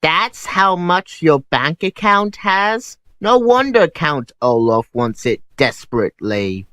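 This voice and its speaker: A man's voice: on the high side, big pitch swings, sharp tone, a little hiss or hum. A man hosting a sarcastic commentary over clips, mocking what he sees. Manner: snarky, mocking, unhurried. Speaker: host.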